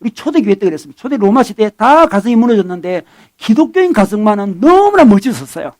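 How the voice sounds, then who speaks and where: Fast-talking high-voiced Korean pastor preaching. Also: male voice, a little mellow. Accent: Gyeongsang (Masan). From South Korea. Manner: conversational, acts out quoted voices, chuckles. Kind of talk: sermon. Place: church.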